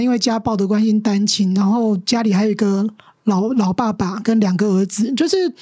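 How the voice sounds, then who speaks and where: In a storytelling interview for a podcast, a middle-aged woman teacher speaking with a Taiwanese Mandarin accent shares stories in earnest and acts out the lines of dialogue she quotes. Her darkish voice leans high, and the clean studio sound has no echo.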